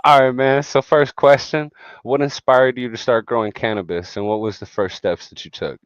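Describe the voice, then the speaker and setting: Male host, casual podcast chat, energetic and slangy, dry close sound. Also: mid-range voice, moderate pace, smooth, no room sound, muffled recording. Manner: hyped, slangy, swears freely.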